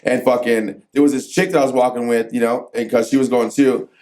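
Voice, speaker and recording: A brash, profane American man hosting a casual podcast chat, excitable and quick to swear. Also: mid-range voice. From USA. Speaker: podcast host.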